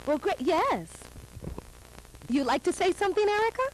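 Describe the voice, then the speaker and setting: Lively high-voiced woman hosting children. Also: normal speed, slight background noise, rough recording. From New York. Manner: lively, encouraging, laughs often. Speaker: host of a children's show. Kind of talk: casual chat with children.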